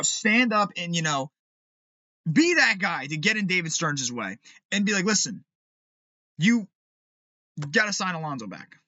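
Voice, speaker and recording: Angry, cursing New sports ranter. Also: male voice, no room sound. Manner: angry, profane, swings from low mutters to shouting. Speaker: sports podcast host. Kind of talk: ranting sports commentary. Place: home room. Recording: dull, lo-fi home recording.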